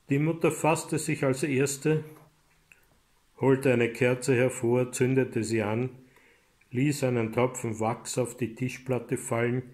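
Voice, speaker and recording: A man from Austria, an author reading his own story aloud in a measured, dramatic way. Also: medium pitch. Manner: measured and dramatic, rising in loud passages. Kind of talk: literary reading.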